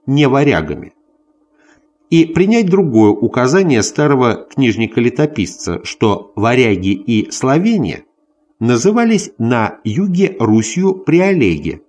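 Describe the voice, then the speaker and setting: A man reading a scholarly history text aloud as scripted narration, in a deliberate, bookish manner. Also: medium pitch, a little mellow. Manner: deliberate, announces notes and quotations aloud. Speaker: audiobook reader of a history text.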